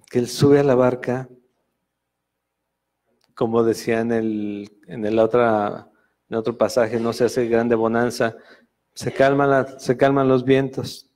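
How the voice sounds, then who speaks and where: Conversational Mexican pastor teaching scripture. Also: male voice, medium pitch, darkish tone. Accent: Mexican Spanish. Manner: conversational, frequent fillers and self-corrections. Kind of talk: Sunday Bible study sermon. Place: church meeting room.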